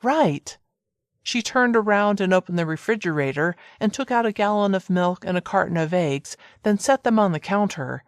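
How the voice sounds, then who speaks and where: Audiobook narrator, even measured delivery, mid pitch, dry close sound. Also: female voice, dry recording. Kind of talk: scripted narration.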